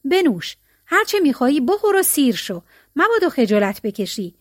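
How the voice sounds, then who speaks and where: A woman's voice: high-pitched, big pitch swings, no room sound, studio quality. A woman reading a storybook tale, voicing a selfish, greedy rich male landlord who schemes and gives orders. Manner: scheming, eager and commanding.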